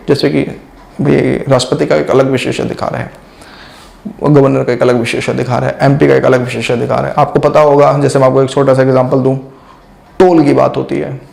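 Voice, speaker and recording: A man's voice: high voice, gravelly, darkish tone. A man teaching exam preparation in a casual, chatty lecture style, addressing students directly with lots of asides.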